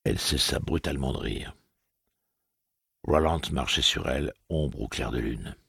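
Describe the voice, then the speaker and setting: Very deep, gravelly audiobook narrator. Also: male voice, moderate pace, no echo, clean studio sound. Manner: steady, even storytelling. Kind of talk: scripted narration.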